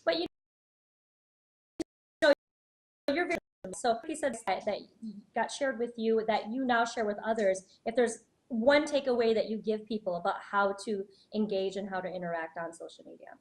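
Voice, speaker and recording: A woman's voice: a little high, low-quality recording. A woman co-hosting a podcast, agreeing readily and asking her guest questions in casual chat. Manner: affirming, quick to agree and laugh along. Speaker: podcast co-host.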